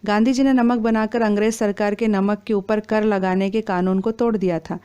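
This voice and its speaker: A woman reading exam quiz questions and their answers in a steady, formal recitation. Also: medium pitch, normal speed, smooth, highs cut off.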